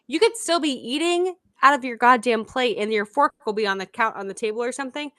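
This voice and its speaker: A woman's voice: fairly high pitch, a little fast. A young woman co-hosting a podcast, telling family stories with lots of laughter. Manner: animated storytelling with laughter. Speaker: podcast co-host. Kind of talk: casual chat.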